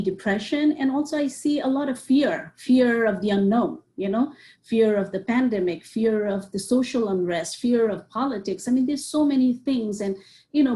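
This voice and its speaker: A psychiatrist from Nepal, appearing as an interview guest, answers questions earnestly and lists points, saying "you know" many times. Her voice is warm and a little high.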